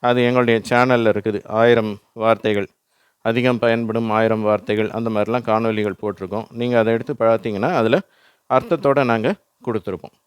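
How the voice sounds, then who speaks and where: A man's voice: fairly low pitch, fairly even intonation, brisk, clear, resonant tone. Patient Tamil-accented man teaching words. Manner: patient, repeats words for the listener to echo. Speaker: English teacher. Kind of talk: slow instructional explanation.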